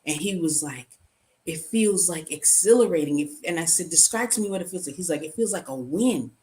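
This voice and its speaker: A woman's voice: on the low side, expressive, a little fast, darkish tone, slight background noise. Earnest middle-aged woman telling her story. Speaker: guest. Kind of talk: conversational interview.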